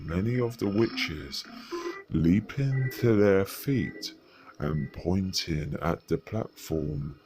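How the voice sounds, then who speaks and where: A man's voice: on the low side, lively intonation, slow pace, creaky. A man narrating a children's novel in the first person, reading steadily. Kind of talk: storybook reading.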